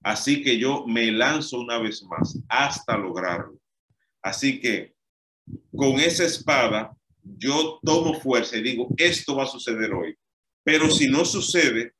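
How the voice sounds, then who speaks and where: A man's voice: medium pitch, bright, forceful tone, a little hiss or hum. A man preaching an emphatic, repetitive sermon. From Dominican Republic.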